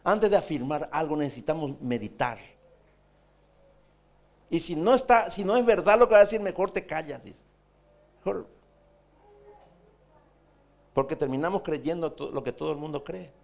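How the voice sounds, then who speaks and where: A man's voice: fairly high pitch, moderate pace, creaky, long pauses. A man, preaching a sermon as pastor, pressing his point with repeated rhetorical questions.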